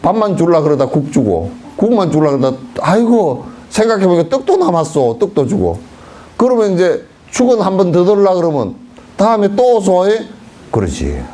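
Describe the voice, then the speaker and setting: A man's voice: high voice, huge pitch swings, moderate pace, warm tone. A middle-aged man, a Buddhist monk, giving a casual sermon and telling folksy stories, sometimes acting out voices. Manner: folksy storytelling, acting out beggars' songs and dialect.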